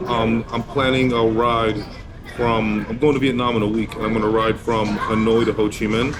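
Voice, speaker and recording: A man's voice: fairly low pitch, level tone, moderate pace, background noise. A man from Poland answering street-interview questions, giving blunt and candid opinions about travel and dating. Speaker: interviewee, business owner.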